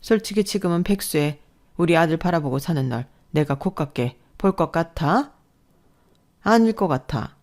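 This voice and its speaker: A woman's voice: fairly low pitch, expressive, moderate pace, a little mellow, voice pushed up, close to an everyday voice. A woman voicing a domineering, scornful older mother-in-law who scolds and belittles. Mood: scolding. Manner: scolding, contemptuous.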